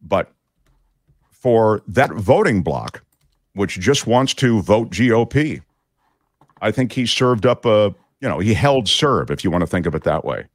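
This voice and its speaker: A man's voice: lowish voice, animated, unhurried, no room sound, studio quality. A man hosting a talk show, giving chatty, digressive political commentary with many fillers.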